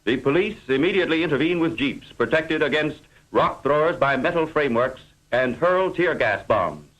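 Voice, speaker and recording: A man reading scripted narration for an old 1950s newsreel in a formal, measured delivery, on an old film soundtrack. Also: on the high side, animated, a bit bright, poor audio.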